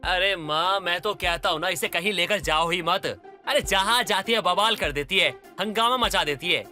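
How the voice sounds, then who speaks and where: A man voicing an exasperated young husband in an animated story, pleading and fed up. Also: high-pitched, normal speed, faint music behind. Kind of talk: animated cartoon voice acting.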